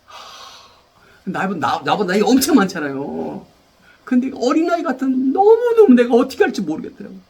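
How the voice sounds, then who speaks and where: A man preaching a sermon as pastor, animated, repeating phrases and leading the congregation in call-and-response. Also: extremely high pitch, fairly quick, vocal fry.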